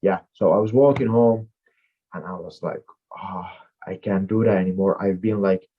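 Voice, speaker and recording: Speaking at a moderate pace with a deep, slightly breathy voice, a Finnish-raised fighter in his twenties rambles through an interview, leaning heavily on fillers. Finnish is his native language, and the audio sounds dull.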